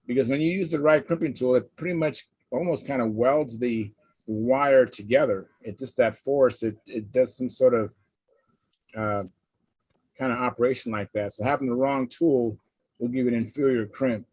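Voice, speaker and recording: A man's voice: mid-range voice, moderate pace, a little mellow, husky, no room sound. Man hosting a casual livestream, dry close sound. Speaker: host of a hobby livestream hangout. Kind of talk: casual chat, reading out viewer comments. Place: live online video hangout.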